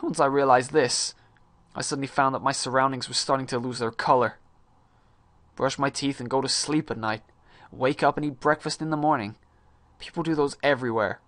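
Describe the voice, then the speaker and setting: Male actor as restless, disillusioned high-school guy, hammy stage monologue delivery, mid pitch, close dry recording. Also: steady tone, fairly quick, a bit bright, no room sound, lightly acted. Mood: disillusioned, brooding. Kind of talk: dramatic monologue reading.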